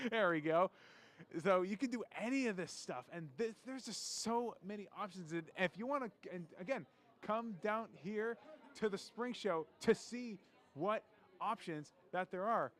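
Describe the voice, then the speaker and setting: A man's voice: sits high, expressive, unhurried, a bit bright. A man hosting a live show, reporting from a school showcase with enthusiastic, stumbling talk.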